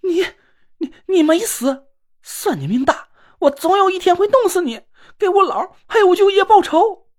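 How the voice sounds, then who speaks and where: A man's voice: animated, moderate pace, darkish tone. A man voicing a hysterical eighteen-year-old girl sorceress, crying and screaming in a storybook reading. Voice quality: shrill, screaming. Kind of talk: audiobook character voice.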